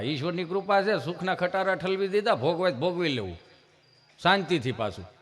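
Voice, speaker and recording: A man's voice: high voice, fairly bright tone. A man with a Kathiyawadi Gujarati accent telling folksy comic stories at a live program at an ashram, acting out the dialogue himself. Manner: folksy, acts out dialogue in other voices. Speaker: stage comedian. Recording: reverberant live venue.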